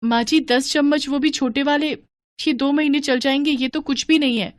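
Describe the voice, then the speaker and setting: A woman's voice: sits high, steady tone, normal speed, no room sound, clean studio sound, pitched above the performer's own voice, natural voice. A woman voicing a young daughter-in-law who politely pleads and complains in a cartoon story. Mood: pleading. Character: young daughter-in-law, patient but protesting.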